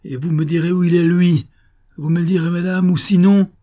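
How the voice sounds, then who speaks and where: A man reading an audiobook, voicing a proud, outraged aristocratic father who shouts his demands. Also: lowish voice, moderate pace, slightly rough. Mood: enraged. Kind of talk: audiobook reading of a 19th-century novel.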